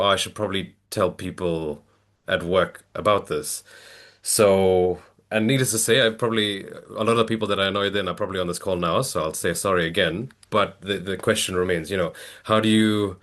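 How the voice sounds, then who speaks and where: A man asking a long question on a video call, hesitant and self-deprecating, with many restarts. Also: low-pitched. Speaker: audience member asking a question. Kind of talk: rambling question in a webinar.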